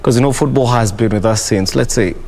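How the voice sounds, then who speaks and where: A man's voice: medium pitch, fairly quick, darkish tone. A man from Kenya hosting a studio sports discussion, asking probing questions with many "you know" fillers. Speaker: sports show host.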